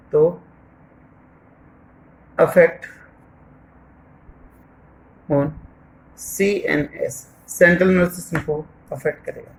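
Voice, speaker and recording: Male teacher, higher voice, mixes English terms into his explaining, pauses as he writes, asks and answers his own questions. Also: rough recording. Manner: asks questions and answers them himself, repeats "theek hai"; writes on the board while talking, slow with pauses. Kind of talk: board lesson in Hindi mixed with English terms.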